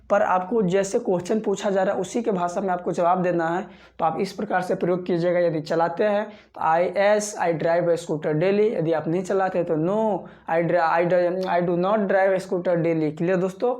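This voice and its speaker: A man's voice: high voice, steady tone, darkish tone. Man drilling English phrases. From Bihar, India. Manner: repetitive drilling, reads example sentences slowly; keeps addressing viewers as friends. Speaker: spoken English teacher. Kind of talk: spoken English lesson.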